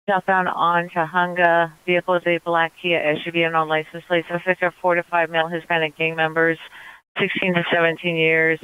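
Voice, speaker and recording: A man dispatching over police radio, reading codes and descriptions in a flat, clipped voice that barely moves in pitch. The radio band is narrow and dry, like a scanner feed. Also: clear, resonant tone, dry recording. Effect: police radio transmission.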